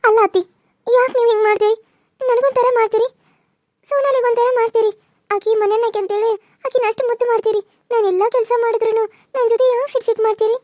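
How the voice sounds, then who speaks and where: A woman's voice: very high voice, fairly even intonation, fast talker, darkish tone. A woman voicing a meek, overworked young daughter-in-law, who talks in a pleading, apologetic way. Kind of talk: cartoon voice acting.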